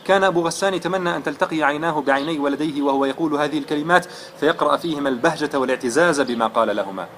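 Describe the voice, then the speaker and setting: A man's voice: a little high, very fast, fairly bright tone, slight background noise. A man giving a religious lesson, telling a moral story in an earnest, dramatic way. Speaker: religious lecturer.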